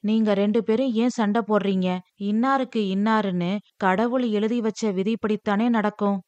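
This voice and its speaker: A woman's voice: medium pitch, steady tone, normal speed, darkish tone, dry recording, dull audio, natural voice. Woman voicing an earnest young daughter.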